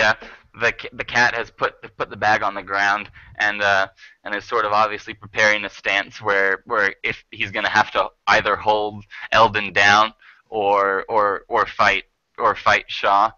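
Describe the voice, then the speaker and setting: A man's voice: fairly low pitch, level tone, normal speed, pushed and bright, no echo, lo-fi sound. A man running a tabletop game as game master, narrating with many restarts and hesitations.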